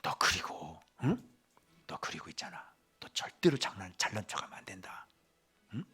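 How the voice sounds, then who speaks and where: A man voicing an old grandfather Joseph who quietly teaches his grandsons in a confiding half-whisper. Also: low-pitched, big pitch swings, normal speed, slightly rough, pitched below the performer's own voice, full character voice. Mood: hushed confiding.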